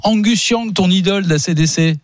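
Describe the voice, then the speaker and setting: A man's voice: high-pitched, normal speed, no room sound, clean studio sound. A man hosting a radio talk show, bantering playfully and teasing his co-host and guest.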